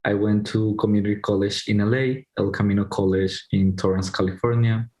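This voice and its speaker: A young man from Venezuela introduces an online student panel in a loose, casual way. His voice sits low and stays fairly level, and he backtracks and fills gaps as he goes. It comes through a video call. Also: steady tone, fairly quick, a little mellow. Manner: rambling, many restarts and fillers. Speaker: panel moderator.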